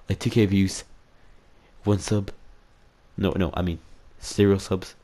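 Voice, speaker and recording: A channel host with a low, warm voice talks slowly and flatly through a casual year-in-review vlog. Even so, he rambles profanely, mocks himself and says "dude" in almost every sentence.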